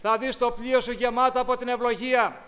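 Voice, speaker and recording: Male preacher with a high voice, sermon delivery, rhetorical questions, shifts between loud emphasis and quiet asides. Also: level tone.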